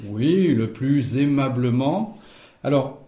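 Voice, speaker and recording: A man leading a language class with a mellow, dark voice. He corrects pronunciation step by step and explains words patiently. The sound is roomy and echoey. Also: medium pitch, lively intonation, slow pace. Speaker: Esperanto teacher.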